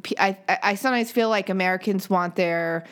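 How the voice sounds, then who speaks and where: A woman co-hosting a casual podcast, talking bluntly and quickly with frequent swearing. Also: mid-range voice, clear, resonant tone. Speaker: podcast co-host.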